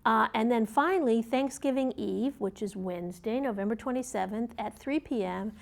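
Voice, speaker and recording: A woman co-hosting and reading community event announcements in a conversational, slightly halting way. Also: fairly high pitch, creaky. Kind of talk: conversational announcements, read from notes.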